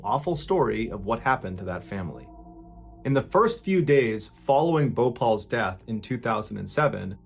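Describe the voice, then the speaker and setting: Male podcast narrator, middle pitch, dramatic suspense delivery, soft music bed. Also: vocal fry. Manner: suspenseful, swells louder at tense moments and drops low at grim ones. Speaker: podcast host and storyteller. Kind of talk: dramatic true-crime narration.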